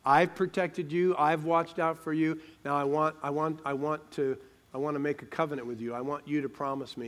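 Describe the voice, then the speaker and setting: Brief: male preacher doing an earnest woman pleading, quieter and lower, in a sermon retelling. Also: natural voice.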